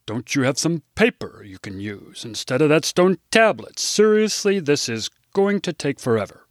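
A man's voice: a little high, big pitch swings, moderate pace, no room sound, clean studio sound, voice pushed up. A man voicing an exasperated male deity who keeps correcting how his name is spelled. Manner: exasperated, pleading.

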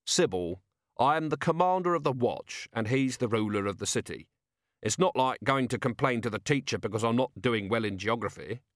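A man's voice: mid-range voice, expressive, normal speed, no room sound, lightly acted. A man voicing a weary, blunt male watch commander in an audiobook, dry and tired.

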